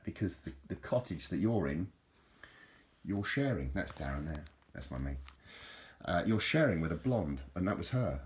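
A middle-aged man, casually reminiscing over old photos in a rambling way, often repeating his words. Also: deep voice. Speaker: vlogger.

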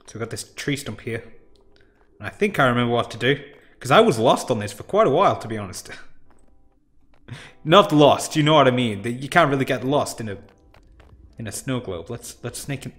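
A man's voice: mid-range voice, lively intonation, normal speed, pauses often, a bit bright, soft background music. Chatty man doing let's-play commentary. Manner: chatty, rambling, self-deprecating. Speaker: game showcase host.

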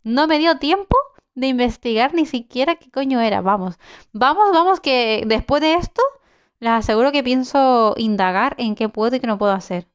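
Her voice sits fairly high, clear and resonant, at a normal speed, though the recording is lo-fi. She's a young gaming channel host giving casual let's-play commentary on a survival game. Chatty as she plays, she swears and lets out exclamations.

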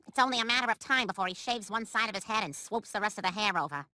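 Piercingly bright, nasal cartoon housewife. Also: female voice, mid-range voice, lively intonation, fast talker, dry recording. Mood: resigned. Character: exasperated middle-aged suburban housewife. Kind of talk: animated comedy voice acting.

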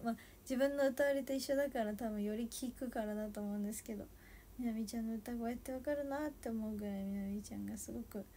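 A woman in her twenties chatting casually on a solo livestream, soft and a little sleepy, sometimes dropping to a murmur. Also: on the high side, a little hiss or hum. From Japan. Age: 20s. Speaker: idol livestreamer.

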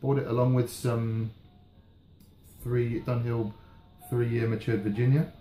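A British man in his thirties chatting casually and haltingly in a relaxed, rambling review, often trailing off. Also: mid-range voice. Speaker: pipe tobacco reviewer. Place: indoors, small room at home. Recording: roomy echo, faint background noise.

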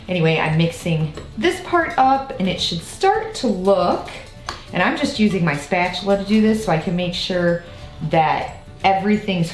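Chatty woman baking in a roomy kitchen. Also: sits low. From Iowa, United States. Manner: chatty, rambling asides while working. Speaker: home baking vlogger. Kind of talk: casual baking tutorial chat. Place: home kitchen, indoors. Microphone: far camera on a tripod. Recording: roomy kitchen with faint music.

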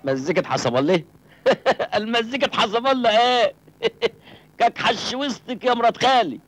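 A man's voice: extremely high pitch, expressive, moderate pace, fairly bright tone, full character voice. An actor playing a naive, hungry young man from a village who jokes cheekily, speaking with an Egyptian accent. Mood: mocking. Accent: Egyptian Arabic. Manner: joking, cheeky retorts. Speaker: film actor. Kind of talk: comic film acting.

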